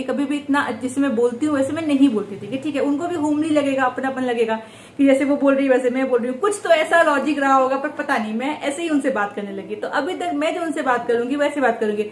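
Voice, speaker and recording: A young woman with a high voice chatting casually for a home vlog. She talks quickly and fluently, in an echoey room with faint background noise. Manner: chatty and quick, mimics others' speech. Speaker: vlogger. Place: indoor home.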